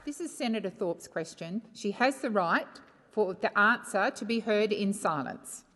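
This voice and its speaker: A woman's voice: mid-range voice, expressive, moderate pace, fairly bright tone. Firm Australian woman chairing, very echoey. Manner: firm, authoritative, repeating names and instructions. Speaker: parliamentary presiding officer. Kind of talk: formal procedural chairing of a debate. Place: large parliamentary chamber. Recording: echoey chamber with long reverb.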